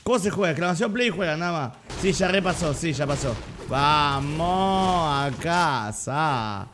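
A young Argentine man streaming a game live, chatting in slang, repeating himself and breaking into sudden loud outbursts. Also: fairly high pitch, animated, quick pace, background noise. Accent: Argentine Spanish. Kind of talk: live gameplay streaming chat.

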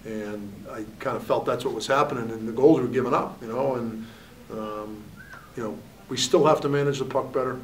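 A man in his forties who coaches hockey as head coach speaks at a moderate pace in a mid-range voice, candidly handling questions after the game and often saying "you know." The press-room recording, made with a table mic at a distance in front of a backdrop, is low quality.

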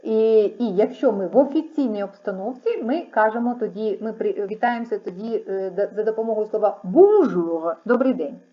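A woman's voice: medium pitch, expressive, moderate pace, few pauses. A woman teaching French, explaining patiently and repeating each word so students can follow. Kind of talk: online language lesson. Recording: dull lo-fi sound.

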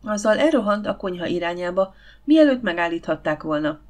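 A woman narrating a novel audiobook in a steady storytelling manner. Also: lowish voice. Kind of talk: scripted narration.

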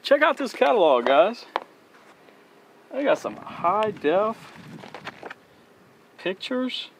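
A man in his thirties runs a fishing channel and unboxes gear on a dock by open water, chatting eagerly and calling viewers "guys." His voice sits high, slightly bright, and very animated but slow, with a little hiss or hum on the recording.

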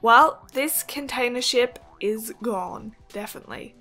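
Excitable high-voiced woman narrating gameplay. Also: measured pace, soft background music. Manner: excitable, gasping and giggling, chatty reactions. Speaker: gaming video host. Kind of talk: game commentary.

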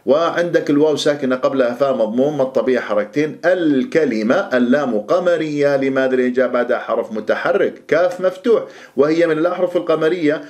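A man teaching the rules of Quran recitation. He explains each rule plainly, then recites phrases slowly and carefully to show them. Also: fairly high pitch, a little mellow. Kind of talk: tajweed lesson, explaining and reciting.

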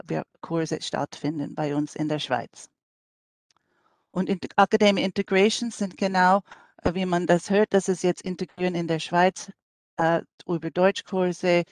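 This language school director, a middle-aged New Yorker, presents at an online conference in halting German, her phrasing clearly non-native. Her voice is on the low side, hesitant and full of fillers, recorded without echo.

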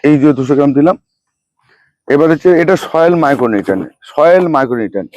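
A middle-aged man runs a hands-on gardening demonstration. He talks quickly and keeps repeating each ingredient and amount, and his voice sits a little high. The recording is dry and close, with almost no room sound. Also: lively intonation, a little mellow, no room sound. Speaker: rooftop gardening channel host.

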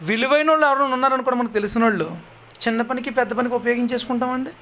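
A man's voice: extremely high pitch, rapid-fire, pushed and bright, slight background noise. A man preaching a sermon, pleading and asking rhetorical questions, his voice rising and dropping sharply. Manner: pleading, rhetorical questions with sudden rises and drops.

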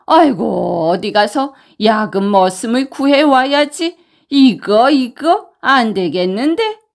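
A woman voicing a scheming, hot-tempered rich old man in a folktale, coaxing and grumbling with sighs. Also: on the high side. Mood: scolding.

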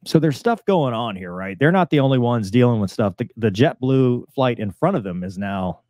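With an animated delivery at normal speed, this host, a man in his forties who once flew fighters and airliners, gives chatty explanations peppered with pilot jargon. His voice is medium-pitched and darkish, captured with studio quality and no echo while he's on a video call in a small home room.

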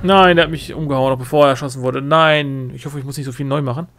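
A man's voice: mid-range voice, steady tone, quick pace, noisy background. A man giving casual commentary as he plays a video game, reacting aloud and talking back to the characters. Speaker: gamer commenting on own play. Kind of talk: casual let's play commentary.

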